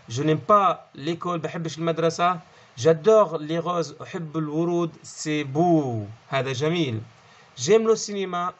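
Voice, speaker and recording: Male teacher with a Levantine Arabic accent, slightly high voice, patient explainer, dull muffled recording. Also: fairly bright tone. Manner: explanatory, checks in with "okay?" often, repeats key words. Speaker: French teacher. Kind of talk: online language lesson.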